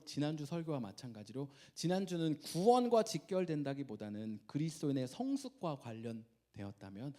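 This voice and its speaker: A male pastor preaching a sermon, animated and asking the congregation questions. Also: on the high side.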